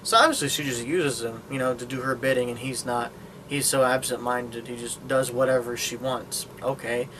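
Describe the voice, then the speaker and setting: A man reviews a film in a loose, chatty way, walking through the plot with frequent hesitations and fillers. His voice is bright and forceful, sitting at an ordinary middle pitch. He drops sarcastic asides along the way. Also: steady tone, moderate pace, slight background noise. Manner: rambling retelling with many fillers and sarcastic asides. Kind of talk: casual spoken movie review.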